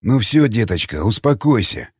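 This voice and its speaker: Baritone cannibal man, sardonic, curt, menacing, voiced by a male reader, dry sound. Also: sing-song, normal speed, breathy edge, no echo, exaggerated voice. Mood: calm. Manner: mocking, curt, quietly threatening.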